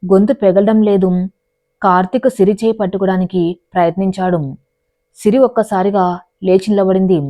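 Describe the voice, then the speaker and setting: A woman's voice: mid-range voice, steady tone, moderate pace, mellow, no room sound. A woman narrating a dramatic love story as a storyteller, in a scripted reading style. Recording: dry, dull lo-fi voice recording.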